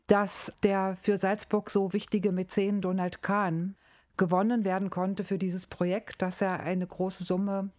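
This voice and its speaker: A middle-aged woman from Berlin, a professor, explaining her field in a measured academic interview. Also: mid-range voice, a little mellow, dry recording, studio quality. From East Berlin, Germany.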